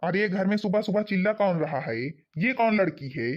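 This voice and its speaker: A man's voice: sits high, lively intonation, a little fast. A man playing a stern, disapproving old village father-in-law who grumbles about his new daughter-in-law. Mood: annoyed. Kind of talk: village family skit acting. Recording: dull lo-fi sound.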